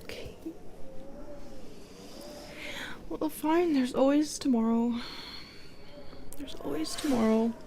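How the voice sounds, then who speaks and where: Hushed, lonely Medusa, acted by a woman. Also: high-pitched, background noise. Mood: pleading. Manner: hushed, halting, breathy half-whisper. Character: modern Medusa, lonely cursed woman, bitter yet gentle. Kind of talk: intimate audio roleplay acting.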